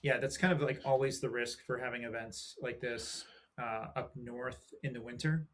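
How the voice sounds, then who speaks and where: A man's voice: mid-range voice, fairly even intonation, moderate pace, a bit bright. A man co-hosting a casual podcast, easygoing and loose, with many fillers. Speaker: podcast co-host. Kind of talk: casual live-stream chat.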